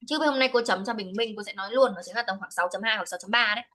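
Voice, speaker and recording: A woman's voice: mid-range voice, rapid-fire, pushed and bright, low-quality recording. A woman teaching speaking over a video call, switching between English and Vietnamese as she corrects a student firmly. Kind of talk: one-to-one speaking test feedback.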